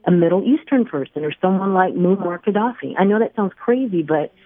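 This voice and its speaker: A woman's voice: on the low side, lively intonation, brisk. Woman from Barbados on a phone line. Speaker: caller. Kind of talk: calling in to a radio talk show.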